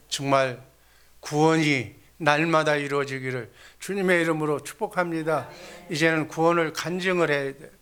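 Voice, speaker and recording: A man's voice: a little high, fairly bright tone, clean tone. A male pastor preaching a sermon, exhorting and blessing his congregation, asking rhetorical questions and having them repeat phrases after him. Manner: leads call-and-response repetition; rhetorical questions answered himself.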